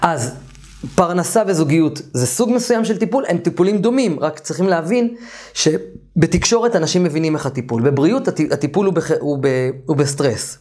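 A man teaching a therapy course in an informal, animated lecture. He often trails off and restarts his sentences, and at times raises his voice to act out sessions with clients. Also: fairly high pitch.

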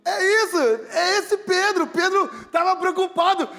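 A Brazilian man preaching with a strikingly high voice. He keeps it conversational and funny, talking straight to the congregation and acting out the scenes. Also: unhurried, pushed and bright. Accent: Brazilian Portuguese. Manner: humorous, conversational, acts out scenes. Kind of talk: sermon.

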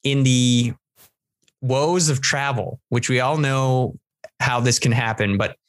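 A man's voice: mid-range voice, steady tone, slow pace, no room sound. A man from San Diego, a podcast co-host, telling a long story in casual chat with lots of restarts. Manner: rambling storyteller, many restarts.

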